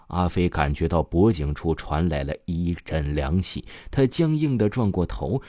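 Deep-voiced man narrating a horror tale. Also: warm tone, dry recording, clean studio sound. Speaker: storyteller. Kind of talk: audio horror story narration.

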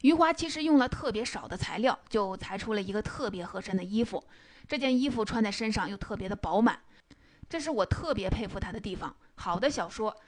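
Woman, book commentator, measured storytelling, fairly high voice. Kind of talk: retelling and analyzing a novel.

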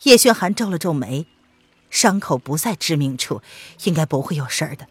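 A woman narrating an audiobook in an expressive storytelling read. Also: low-pitched, moderate pace, slightly rough, no room sound.

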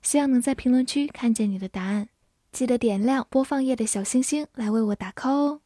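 A woman giving a scripted vocabulary lesson, spelling out letters and repeating each word slowly. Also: on the high side, dark tone, dry recording, clean studio sound. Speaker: English teacher.

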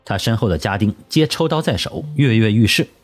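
A man narrating a historical audiobook in a measured storytelling manner. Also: lowish voice, animated. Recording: husky voice over soft music.

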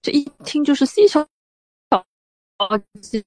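A woman's voice: high-pitched, animated, slow, dark tone, no echo. A woman chatting casually as one of a group on a talk show. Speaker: podcast guest.

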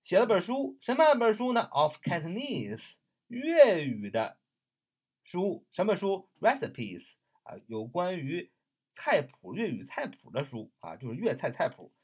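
Lively, husky-voiced male vocabulary teacher. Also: sits high. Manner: spells words out slowly letter by letter, repeats words often; explains in a chatty, friendly way. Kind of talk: recorded vocabulary lesson.

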